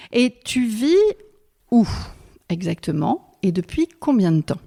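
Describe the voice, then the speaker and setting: A woman hosting a podcast interview puts questions to her guest in a relaxed, friendly way. Her voice is mid-pitched and warm. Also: very slow, creaky, husky. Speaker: podcast host. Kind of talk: casual interview chat.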